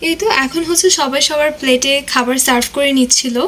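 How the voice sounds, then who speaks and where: A young woman from Bangladesh narrates her family vlog. Her voice sits high and her talk runs fast, chatty and sprinkled with English words. A faint hum lies under the recording. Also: a bit bright. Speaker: vlogger.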